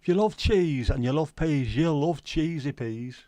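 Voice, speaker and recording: Middle-aged and from Liverpool, this livestream host jokes around with viewers and swears freely as he replies to their comments in a Scouse accent. His voice is fairly high, animated, mellow and unhurried, with no echo.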